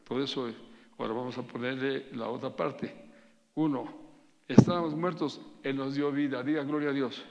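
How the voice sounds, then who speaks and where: A man's voice: mid-range voice, fairly even intonation, normal speed, gravelly, muffled recording. A middle-aged man preaching a sermon in a conversational way, telling anecdotes and calling on the congregation to respond. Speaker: pastor. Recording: long reverb of a church hall.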